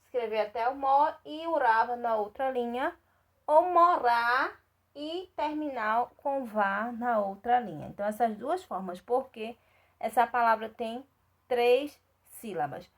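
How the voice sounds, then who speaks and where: Patient Brazilian woman teaching young kids. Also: on the high side. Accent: Brazilian Portuguese. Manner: patient, repeats and checks in with "tá certo?"; spells out syllables slowly and clearly. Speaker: primary school teacher. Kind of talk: recorded remote lesson for young children.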